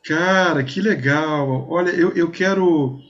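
A man's voice: a little high, slow pace, a bit bright, muffled recording. A man hosting a podcast interview, reacting with frequent amazed interjections. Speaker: podcast host and musician.

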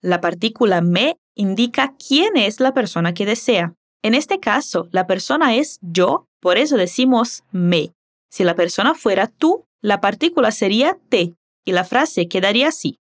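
A woman whose first language is Portuguese teaching a Spanish lesson, slowly modeling words and phrases for the listener to repeat. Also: medium pitch, lively intonation. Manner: slow, careful modeling of words.

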